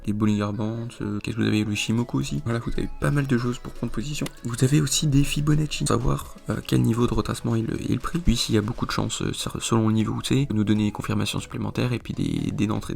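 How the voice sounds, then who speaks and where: A man explaining a trading chart in a screen-recorded tutorial, rambling with many fillers, his voice a little hoarse. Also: fairly low pitch, a little mellow. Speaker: trading video host.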